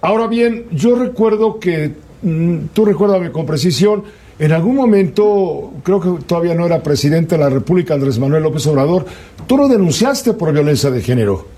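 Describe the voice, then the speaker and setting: A man's voice: a little high, lively intonation, normal speed, dark tone. A man hosting a news program, introducing a guest and asking pointed, needling questions. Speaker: radio news host. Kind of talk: interviewing a guest.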